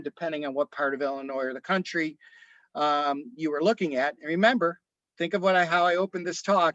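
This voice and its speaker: A man lectures on history in a storytelling way, stopping often for ums and restarting his sentences. His voice sits a little high. The sound is dry and somewhat dull, like a lo-fi video call microphone. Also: a bit bright, dry recording. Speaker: author and presenter.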